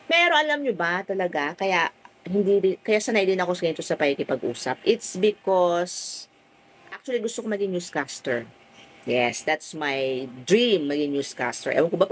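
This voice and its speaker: A middle-aged woman from the Philippines with a full, loud voice, chatting casually while selling on a phone live stream from home. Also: fairly low pitch, breathy edge, low-quality recording. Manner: chatty, lively, fond of "o, di ba?".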